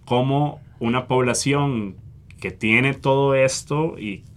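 A man with a Costa Rican Spanish accent, an environmental activist answering interview questions earnestly, often pausing with fillers. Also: medium pitch. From Costa Rica. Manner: earnest, hesitant with frequent fillers.

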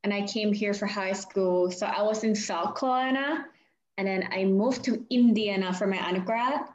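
A young woman in her twenties from Thailand with a Thai accent, answering interview questions in a halting, casual way full of "like" fillers. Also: mid-range voice, a little mellow, reverberant, highs cut off, slight background noise. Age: 20s. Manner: halting, many "like" fillers and restarts. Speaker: guest, architecture graduate student.

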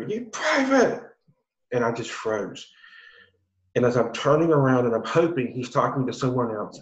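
Earnest man telling a story, roomy sound. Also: mid-range voice. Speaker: guest, army veteran. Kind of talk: storytelling in a podcast interview. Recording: roomy, dull audio.

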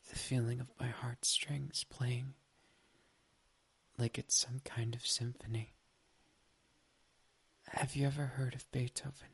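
A soft, intimate whisper right up against the mic, airy and almost voiceless, with small mouth clicks in the quiet gaps. The speaker stays on a flat, level line, affectionate and gently teasing, as in an ASMR roleplay of a doting partner. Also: medium pitch, creaky, husky.

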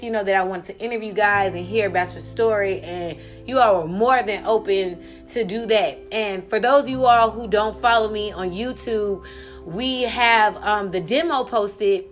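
Woman, podcast host, casual storytelling, middle pitch, faint background music. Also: a bit bright. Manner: chatty, storytelling with asides. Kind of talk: casual interview chat.

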